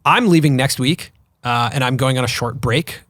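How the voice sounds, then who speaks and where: A man's voice: medium pitch, normal speed, no echo. A man in his thirties co-hosting a podcast, chatting casually with lots of fillers and likes. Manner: relaxed, conversational, frequent fillers. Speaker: podcast co-host. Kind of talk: casual chat.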